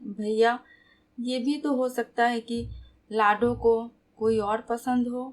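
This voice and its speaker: A woman voicing a young wife, a gentle sister-in-law who teases the family. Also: a little high, fairly even intonation, slow. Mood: teasing.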